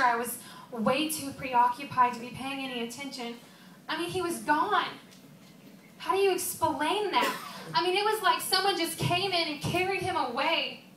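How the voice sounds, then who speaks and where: A woman performs as a devoted female disciple in mourning, telling her story as an emotional stage monologue. Her voice is high and bright, earnest and confiding. It is picked up at a distance in a roomy, echoing space. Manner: earnest, emotional, confiding, with pauses and rhetorical questions. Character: Mary Magdalene, grieving devoted female follower recounting a risen teacher. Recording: roomy, distant mic, faint background noise.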